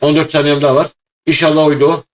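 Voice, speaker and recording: A man hosting a gaming video, chatting excitedly and shouting at times as he plays a mobile battle game. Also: a little high, fast. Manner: loud, excitable, shouts during play.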